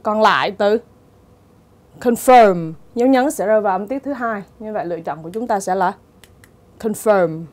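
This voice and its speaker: A woman's voice: medium pitch, quick pace, hardly any pauses. A woman teacher going through English exam answers step by step, in a methodical way. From Vietnam. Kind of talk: exam answer walkthrough lesson.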